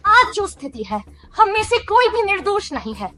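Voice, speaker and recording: A woman voicing a shrill pleading ex-wife. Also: sing-song, moderate pace, bright, forceful tone, exaggerated voice. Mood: defensive. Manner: pleading, tearful. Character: remorseful young ex-wife begging for help. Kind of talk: dubbed drama dialogue.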